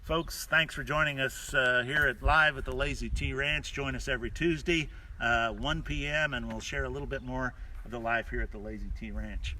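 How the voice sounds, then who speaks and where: A male rancher explaining and telling stories off the cuff in a folksy, halting way with deliberate pauses. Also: medium pitch, steady tone, bright, forceful tone. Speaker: rancher hosting a live stream from a ranch. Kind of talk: unscripted explanatory talk and storytelling. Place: outdoors on a cattle ranch. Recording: distant mic outdoors, clear background noise. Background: cattle mooing.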